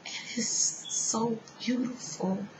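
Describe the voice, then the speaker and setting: A woman giving an earnest personal spiritual testimony, speaking straight to her listeners and dropping now and then to a soft whisper. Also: fairly high pitch, steady tone, slow. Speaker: spiritual storyteller. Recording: dull lo-fi sound with faint noise.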